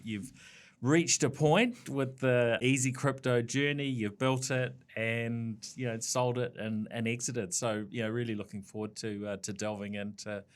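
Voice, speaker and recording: A man with a New Zealand accent hosting a business podcast, friendly and loose, with many fillers and restarts. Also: mid-range voice. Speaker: podcast host. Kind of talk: podcast interview.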